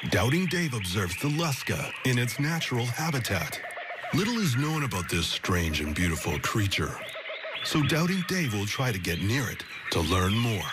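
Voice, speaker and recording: Animated male nature-documentary narrator over music. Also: mid-range voice, moderate pace. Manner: mock-serious, dramatic storytelling delivery. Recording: music under the voice.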